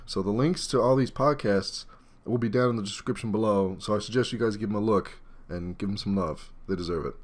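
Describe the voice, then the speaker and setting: A man's voice: on the low side, fairly quick, hardly any pauses. A young man co-hosting a casual podcast, talking in a rambling, hesitant way full of fillers. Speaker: podcast co-host.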